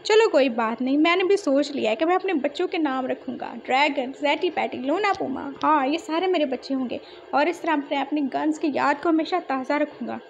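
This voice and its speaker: A woman's voice: sits high, brisk, gravelly, hardly any pauses, muffled recording, slight background noise. A woman voicing a childish, chatty young man who rambles and complains tearfully in a fan fiction story. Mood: resigned.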